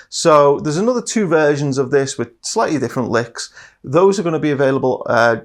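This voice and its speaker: A man giving a casual, step-by-step guitar lesson, explaining patiently and counting off each part with an easygoing "okay". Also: fairly high pitch. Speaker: guitar teacher. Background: guitar playing.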